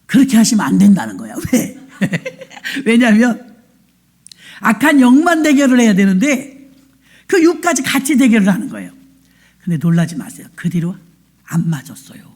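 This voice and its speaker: Animated husky woman pastor preaching. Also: medium pitch, moderate pace. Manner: animated storytelling, acting out quoted voices; plain-spoken, colloquial. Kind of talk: sermon with storytelling. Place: church.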